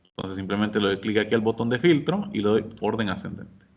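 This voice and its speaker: A man teaching a software class, explaining each step patiently and speaking directly to his students. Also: fairly low pitch, animated, a little fast, muffled recording. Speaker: instructor. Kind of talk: screen-share software lesson.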